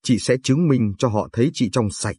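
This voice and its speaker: A man voicing a meek, self-blaming pregnant young wife in a storybook reading, softly reassuring. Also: medium pitch, moderate pace, slightly rough, no room sound, natural voice. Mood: resigned. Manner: soft, resigned reassurance.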